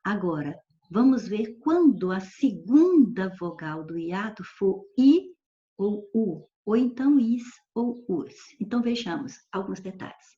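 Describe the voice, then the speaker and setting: Woman teacher, mellow and patient, explains step by step; dull lo-fi online lesson audio. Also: medium pitch, animated, measured pace. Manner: patient, explanatory, often checks with "ok?". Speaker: Portuguese grammar teacher.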